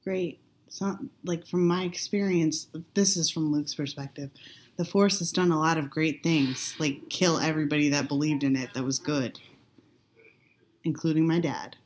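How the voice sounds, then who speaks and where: A woman chatting casually while watching a movie, joking and trading quick asides. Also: low-pitched, fairly even intonation, a little hiss or hum. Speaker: movie commentator.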